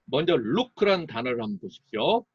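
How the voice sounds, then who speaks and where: A man teaching in a recorded lecture, reading out example sentences slowly and deliberately with marked stressed beats. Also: medium pitch, big pitch swings, husky, no room sound, muffled recording. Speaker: English teacher.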